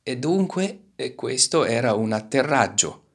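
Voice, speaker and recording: An eager, clumsy female tortoise with a squeaky, much higher voice than the reader's own, put on by a man. She shouts with giddy boastfulness in a storybook reading. Her voice swoops widely up and down. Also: expressive, unhurried, husky. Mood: dazed murmur.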